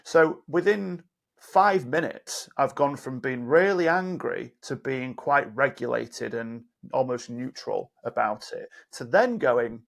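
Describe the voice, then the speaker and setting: Guesting on a podcast as a coach, this man spins lively stories and performs the dialogue for every person involved. He speaks slowly in a gravelly, medium-pitched voice.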